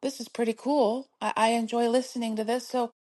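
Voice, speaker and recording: Fairly high-pitched and darkish in tone, this middle-aged podcast host talks fairly quickly with a fairly even intonation. She offers soothing encouragement in a solo motivational talk, laughing often and telling listeners to keep going.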